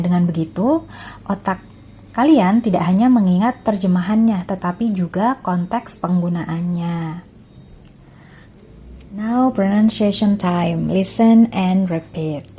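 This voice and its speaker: Woman, Indonesian accent, lecturer, recorded lesson, warm tone, frequent filler pauses. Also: lowish voice, slight background noise. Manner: mixes teaching English terms with explanations, many filler pauses.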